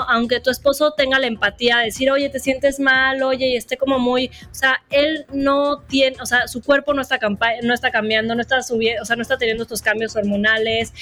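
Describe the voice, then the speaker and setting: A woman hosting a casual podcast chat, speaking in a measured way with fillers. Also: fairly high pitch, bright, forceful tone. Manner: measured, thinks aloud with fillers. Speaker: podcast host.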